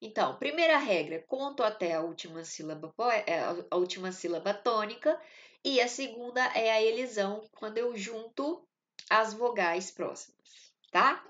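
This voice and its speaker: A woman with a Brazilian Portuguese accent teaches a literature lesson, explaining step by step and often checking in with short tag questions to make sure the class is following. Her mid-range voice is animated and a bit bright, at a moderate pace, on dull-sounding audio.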